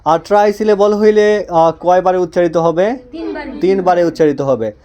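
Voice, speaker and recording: A man teaching an English grammar lesson in class. He asks questions, answers them himself, repeats phrases slowly and drills his students. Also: high-pitched, mellow. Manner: drills students with call-and-response.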